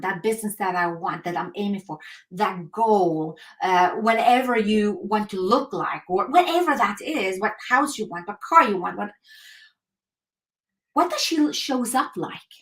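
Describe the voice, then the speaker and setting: In a low-quality recording, an earnest woman coaches a live webinar call, delivering emphatic motivational talk full of rhetorical questions. Her voice is mid-range and a bit bright, and she clears her throat frequently.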